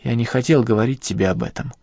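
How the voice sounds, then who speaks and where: A man reading an audiobook and voicing an obsessive male kidnapper with a high, sharp voice and pathetic, self-righteous outbursts. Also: quick pace, gravelly, dry recording, studio quality, lightly acted. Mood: strained, quieter. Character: obsessive unhinged male kidnapper, shrill and hysterical.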